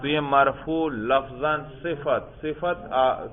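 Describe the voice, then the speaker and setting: A man teaching a grammar class who questions his students, repeats their answers and praises them. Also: mid-range voice. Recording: tinny phone-like classroom recording.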